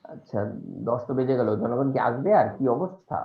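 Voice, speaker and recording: A man's voice: medium pitch, a little fast. A man teaching a live online class, correcting a student's pronunciation patiently with some fillers. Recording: dull, echoey room sound.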